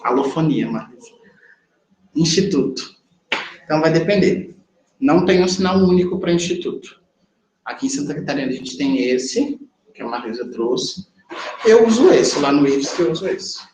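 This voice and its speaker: A man's voice: a little high, animated, moderate pace, pauses often, a little mellow. A Brazilian Portuguese-speaking man teaching a class on sign language interpreting in a conversational lecture style, talking straight to his students and checking in with them. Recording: echoey classroom with faint ambience.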